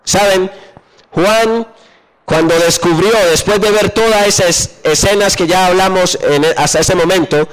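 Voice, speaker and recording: A man preaching a sermon, often pausing mid-verse to ask his listeners what comes next and slowing down to drop low on key phrases. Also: low-quality recording. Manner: asks the congregation questions and pauses for answers.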